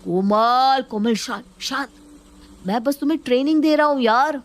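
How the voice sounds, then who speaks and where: Woman voicing a calm young husband. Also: high voice, moderate pace, voice pushed up. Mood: soothing. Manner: soothing, coaxing.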